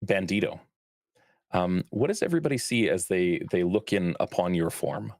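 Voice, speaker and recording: A man running a live-streamed tabletop game as dungeon master, talking in a relaxed way with lots of fillers and easy laughter. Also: low voice, moderate pace, no echo, studio quality.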